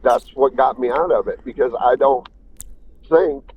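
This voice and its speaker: A man from Illinois calling into a talk show, speaking in a halting, hesitant way that repeats words. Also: mid-range voice, muffled recording, a little hiss or hum. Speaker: caller. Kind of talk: phone-in conversation.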